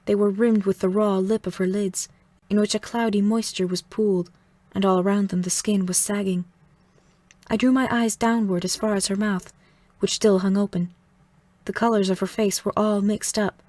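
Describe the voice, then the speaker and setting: Audiobook narrator, woman, measured first-person storytelling, mid-pitched, dry booth sound. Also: steady tone, darkish tone, dry recording.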